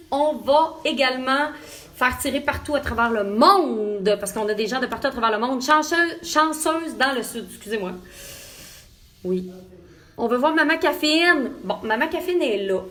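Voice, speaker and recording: A woman's voice: high voice, a bit bright. A woman with a Québécois accent, a makeup artist, chatting while she does a live makeup tutorial from a hotel room and greeting viewers by name. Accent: Québécois French.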